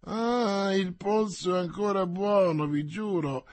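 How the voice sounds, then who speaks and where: A man reading the part of a boastful, slow-witted, hearty male musketeer in an audiobook, with bluff exclamations. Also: on the high side, expressive, slightly rough, dry recording.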